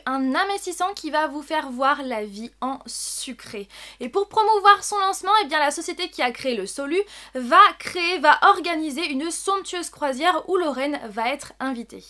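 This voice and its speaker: A woman's voice: sits high, bright, forceful tone. A woman presenting upcoming books in a casual vlog, enthusiastic and often repeating words for emphasis. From France. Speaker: book vlogger. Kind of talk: casual book review vlog.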